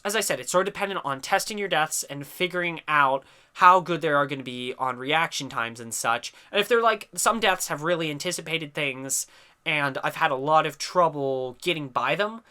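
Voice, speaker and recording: A young man with a sinus infection, sounding stuffy and congested, provides recorded commentary on gameplay footage in a chatty, explanatory way, sometimes trailing off with "I don't know." His voice is on the high side, with a sharp, clean tone.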